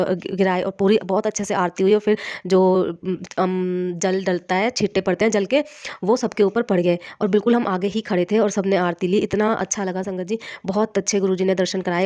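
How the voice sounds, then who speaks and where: Middle-aged woman, hoarse with a cough, sharing a grateful devotional testimony, earnest and halting, on a dull, dry recording. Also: mid-range voice, darkish tone, no room sound. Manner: earnest, grateful, with many restarts.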